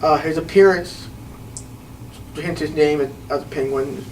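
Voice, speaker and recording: A man co-hosting a casual film podcast, agreeable and quick with short affirmations. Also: fairly high pitch, fairly even intonation. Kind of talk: casual chat about films. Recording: distant mic with faint ambient noise.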